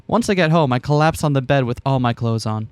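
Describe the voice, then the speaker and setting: A man's voice: medium pitch, animated, fast, a little mellow, clean tone, no room sound. A man co-hosting a let's play, switching between casual commentary and reading a visual novel aloud with playful, theatrical asides.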